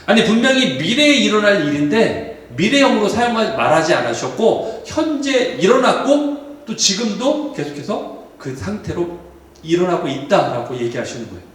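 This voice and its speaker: Lively high-voiced pastor in an echoey church. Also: male voice, moderate pace. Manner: explanatory, asks the congregation questions. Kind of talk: sermon. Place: church sanctuary. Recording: echoey hall from far off.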